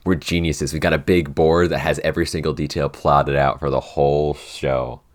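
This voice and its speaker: Speaking a little slowly in a bass voice, this young podcast host, who also writes the show, chats casually. His talk wanders, with lots of filler words and restarted sentences.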